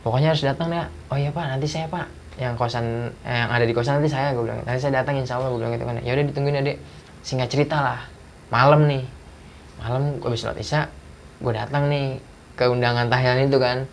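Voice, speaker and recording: A man's voice: medium pitch, fast, vocal fry, a little hiss or hum. Slangy man telling a ghost story. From Jakarta. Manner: animated retelling with acted dialogue, slangy. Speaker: guest storyteller.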